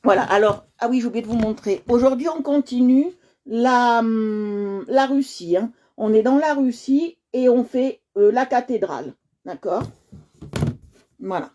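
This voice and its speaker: A woman's voice: fairly high pitch, measured pace, mellow, slight background noise. A woman hosting a coloring livestream, chatting casually with her viewers and often repeating herself as she checks in with them.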